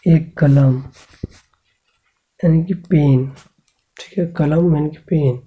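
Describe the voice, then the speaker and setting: Over phone-quality sound, a man with a slightly rough voice on the high side takes things slowly. He's teaching school students English grammar, spelling out sounds with patience, repeatedly checking in with the class, and supplying answers to the questions he asks.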